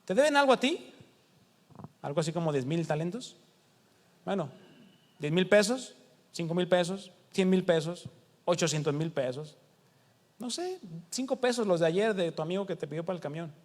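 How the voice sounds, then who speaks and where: A man's voice: sits high, expressive, normal speed, long pauses, big-room sound. A man with a Mexican Spanish accent preaching a sermon in a house of prayer, talking conversationally, asking rhetorical questions and acting out quotes.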